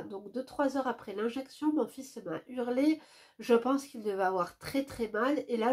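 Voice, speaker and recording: A woman with a stuffy, nasal voice from a cold, reading a viewer's letter aloud and dropping to soft asides between passages. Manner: drops to a soft, low voice for quick asides.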